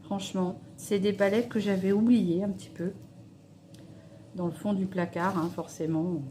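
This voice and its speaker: A chatty woman talks through her makeup palettes in a relaxed, hesitant way, full of fillers. Her voice is mellow and warm, with a faint hiss in the background. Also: medium pitch, normal speed. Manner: swatching makeup on her hand while talking. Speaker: beauty vlogger. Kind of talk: casual makeup review chat.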